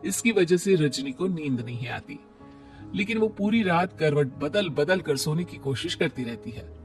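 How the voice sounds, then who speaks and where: A man narrating a cartoon story in a measured storytelling manner. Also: fairly high pitch, expressive, faint music behind.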